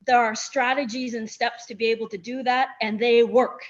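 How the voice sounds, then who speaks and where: A woman's voice: on the high side, fairly even intonation, moderate pace, muffled recording. A woman doctor, a guest in an interview, speaking in an earnest, grateful, inspirational way. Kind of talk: conversational interview.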